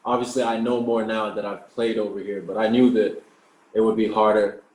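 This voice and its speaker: A professional basketball player in his twenties, raised in Australia, speaks a little fast in a fairly low voice. His interview answers are casual, and he often repeats words as he starts a thought. The recording is rough and reverberant.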